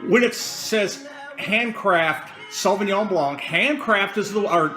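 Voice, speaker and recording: A man's voice: high-pitched, slow. A man hosting a casual wine show, playful and theatrical in his announcing, prone to wandering off topic. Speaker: host. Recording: music behind the voice. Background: music.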